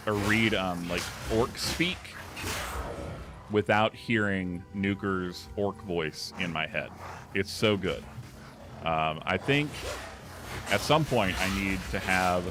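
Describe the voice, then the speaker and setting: A man streaming a video game, chatting casually and enthusiastically to his viewers with lots of fillers and restarts. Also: sits low. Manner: rambling, filler-heavy, enthusiastic. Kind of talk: casual gaming livestream chat.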